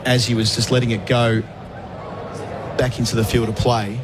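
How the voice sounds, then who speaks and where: A man's voice: mid-range voice, normal speed, a crowd in the background. A man giving live ball-by-ball cricket commentary, conversational and putting questions to his co-commentators. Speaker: cricket commentator, lead caller. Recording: steady outdoor ambient noise.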